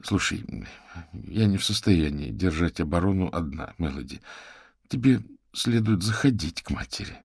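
A shaken, worn-out young woman, as a man reading an audiobook puts her on, talking in a subdued, tired way. Under the character sits a low male voice, recorded dry and close. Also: lively intonation, normal speed, vocal fry, husky, no echo, exaggerated voice. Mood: defensive.

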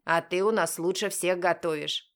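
A cheeky teenage brother, the eternal joker, as a woman reader puts him on in an audiobook. He talks a little lower and louder, playful and teasing. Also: moderate pace. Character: cheeky joking teenage brother, always hungry.

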